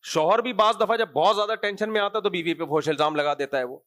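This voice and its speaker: A man who is a mufti giving Quran commentary, speaking in an animated, conversational sermon style with sarcastic asides. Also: high voice, dry recording, clean studio sound.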